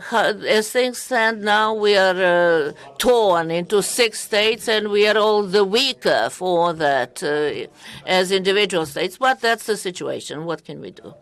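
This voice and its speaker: Speaking at a medium pitch and with expressive delivery, a woman provides live interpretation of a speech in parliament, delivering it in careful, hesitant fragments.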